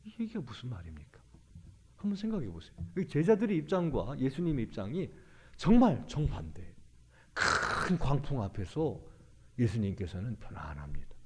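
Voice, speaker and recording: A man preaching a sermon as a pastor, swinging between loud outbursts and hushed asides. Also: mid-range voice, a little hiss or hum.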